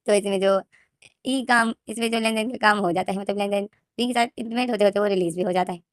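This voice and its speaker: A woman telling her own fan story in a casual, run-on way, piling one clause onto the next. She talks quickly, and the sound is dry and close, with no room around it. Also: mid-range voice, fairly even intonation, dry recording. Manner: rapid and run-on, with many restarts. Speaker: fan-fiction narrator.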